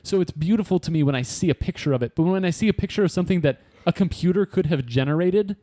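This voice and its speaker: Higher-voiced man rambling in casual chat. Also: fast talker, dark tone, no echo. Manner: rambling, musing, chuckling. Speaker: quiz contestant, co-host.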